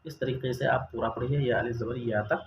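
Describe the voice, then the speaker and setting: A man's voice: mid-range voice, fairly even intonation, a little fast, lo-fi sound. Male Quran-reading teacher, patient and methodical, stretches out example sounds, echoey room, faint hiss. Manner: patient, asks questions then answers them, drawls example sounds. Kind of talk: step-by-step recorded lesson. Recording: roomy echo, faint ambient noise.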